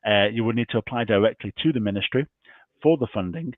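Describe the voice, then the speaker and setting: A man's voice: lowish voice, expressive, fast talker, no echo. A man presenting university admissions information in an online session, losing his voice and walking through slides point by point. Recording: tinny dry call audio.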